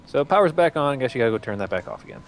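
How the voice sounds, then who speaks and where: A man's voice: mid-range voice, big pitch swings, racing. A man co-hosting a horror game let's-play, laughing a lot and rambling through his comments. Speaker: co-host. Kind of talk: casual let's-play chat. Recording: faint background noise.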